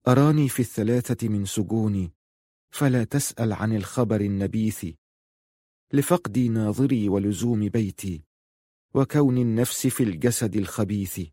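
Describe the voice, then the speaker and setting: Sorrowful young wife, soft and subdued, as a man reads her. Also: lowish voice, moderate pace, no echo, clean studio sound, close to an everyday voice.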